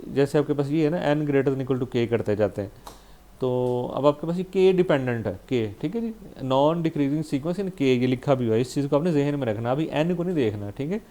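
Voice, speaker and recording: A man with a Pakistani Urdu accent gives a recorded math lecture, working through the material step by step and mixing in English math terms. He checks in with listeners often, repeatedly asking "theek hai ji." His voice is medium-pitched and dark, animated and at normal speed.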